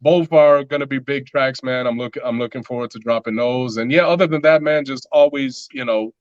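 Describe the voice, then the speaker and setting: A man's voice: mid-range voice, brisk, dry recording. Rambling man on a dull lo-fi line. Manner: loose and rambling, many fillers. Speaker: musician guest. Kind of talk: casual interview chat.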